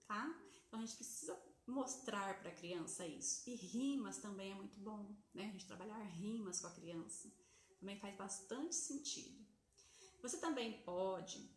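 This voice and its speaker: A Brazilian woman teaching on a live stream, explaining to parents step by step and checking in often with little tag questions. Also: mid-range voice. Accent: Brazilian Portuguese. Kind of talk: casual teaching talk to parents. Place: home, streaming from a phone. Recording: echoey room.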